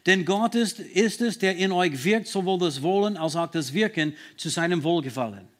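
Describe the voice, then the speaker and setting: A man preaching a sermon in an earnest, emphatic way, slowing down to stress key words, with slightly non-native phrasing. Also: high-pitched, lively intonation.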